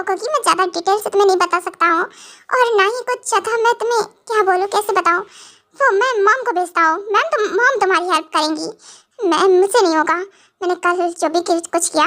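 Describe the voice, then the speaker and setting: A woman's voice: very high-pitched, bright, forceful tone. A young woman voicing an anxious young husband. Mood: embarrassed. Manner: fussy, anxious, repeats questions. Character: caring, flustered young husband. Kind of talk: amateur audio drama acting.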